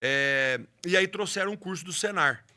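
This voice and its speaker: A man's voice: sits high, moderate pace, pushed and bright. A man, a rodeo announcer and horse trainer telling his story with passion in an interview, often restarting his words. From Brazil. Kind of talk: interview conversation.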